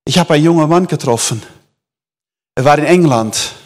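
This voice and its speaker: A man preaching a sermon to a congregation, animated, swinging between loud emphatic lines and soft near-whispers. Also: on the high side, normal speed.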